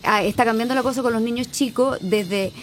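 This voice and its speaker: A Chilean woman with a fairly high voice speaks emphatically in a lively radio chat. A light hiss sits faintly under her voice. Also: brisk. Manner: emphatic, laughs often, teasing.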